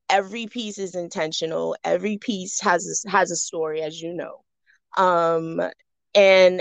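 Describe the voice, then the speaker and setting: A fairly low, gravelly woman's voice from the Bahamas, recorded dry and close. She is a young guest talking casually on a podcast, thoughtful and full of "um"s and restarts. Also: no room sound. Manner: reflective, many fillers and restarts.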